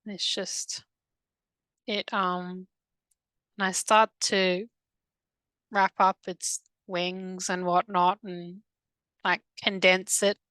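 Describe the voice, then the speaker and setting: A woman recounting a past-life regression under hypnosis, halting and hesitant, with many restarts, in a soft, subdued voice. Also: fairly low pitch, flat delivery, smooth, dry recording, low-quality recording. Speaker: hypnosis client.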